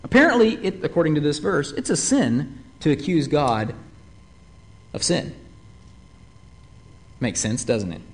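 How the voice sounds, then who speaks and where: A man preaching a sermon, animated and fond of asking his listeners rhetorical questions. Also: a little high, measured pace, pauses often.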